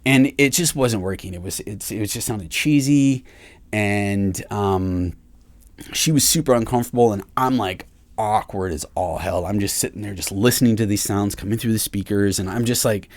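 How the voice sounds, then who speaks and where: A man with a fairly low voice tells a personal story in a relaxed, rambling way. He stumbles and restarts often and pokes fun at himself. The sound is close and dry, with no room around it. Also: dry recording. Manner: halting, self-deprecating, many fillers and restarts. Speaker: recording engineer. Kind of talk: casual storytelling to camera.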